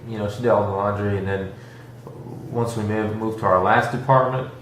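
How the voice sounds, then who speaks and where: A man's voice: fairly low pitch, fairly even intonation, fairly quick, fairly bright tone. A man chatting casually with his wife at home on camera, laid-back and joking, trailing off his sentences. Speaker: husband in couple vlog. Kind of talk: casual chat. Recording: echoey room with faint noise.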